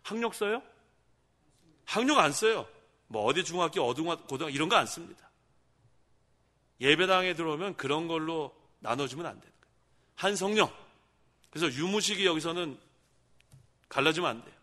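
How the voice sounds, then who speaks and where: Bright-voiced male pastor preaching. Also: a little high, lively intonation, normal speed, pauses often. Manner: conversational preaching, asking the congregation questions and answering them. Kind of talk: sermon. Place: church sanctuary.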